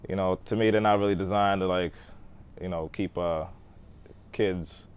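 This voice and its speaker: A man's voice: low-pitched, steady tone, moderate pace, clear, resonant tone. A man in his thirties, a guest on an interview podcast, talking casually about growing up, with many fillers and a voice that trails off. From born in Texas, raised in Boston. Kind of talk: interview storytelling.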